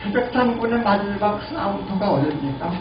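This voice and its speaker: A man in his eighties giving a lively lecture and asking the audience questions. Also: high-pitched, normal speed. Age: 80s. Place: lecture room. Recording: lo-fi, echoey, distant, noisy.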